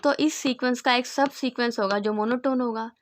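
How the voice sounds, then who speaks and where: A woman teaching a mathematics lesson, explaining step by step, reading definitions out slowly and often checking in with her students. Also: on the high side. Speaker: math teacher. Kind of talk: classroom lecture.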